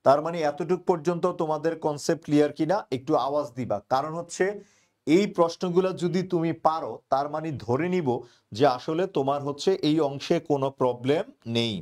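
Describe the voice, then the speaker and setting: A young man teaching grammar, his voice sitting a little high for a man. He drills his students over and over, asking a question and then supplying the answer himself. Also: brisk, a little mellow. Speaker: admission coaching teacher. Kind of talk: online grammar class.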